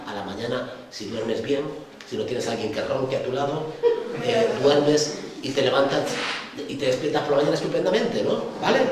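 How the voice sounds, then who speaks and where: A male pastor with a Spain Spanish accent giving a sermon in a conversational way, often ending phrases with tag questions. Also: a little high. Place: church hall. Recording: echoey church hall, distant mic, faint noise.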